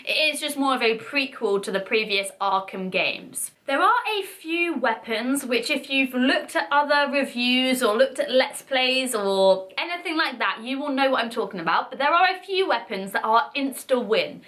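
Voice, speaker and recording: A young woman presenting a video game review, her voice husky as she recovers from flu. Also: high-pitched, animated, moderate pace, few pauses, fairly bright tone. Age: young adult.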